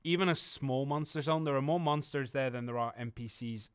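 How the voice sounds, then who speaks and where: Speaking briskly in a clean, medium-pitched voice, a male community manager chats through viewer questions about a game during a livestream. His explanations wander, and he often says um and starts over.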